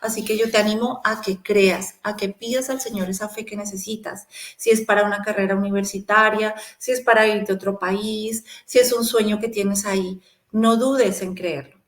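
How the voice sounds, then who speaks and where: A woman preaches a Bible lesson in a mid-range voice, urging the listener on directly and now and then searching for a verse with a soft "eh". Her voice rings in an echoey room. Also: medium pitch, steady tone, normal speed. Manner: encouraging, addresses the listener directly. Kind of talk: sermon-style Bible teaching.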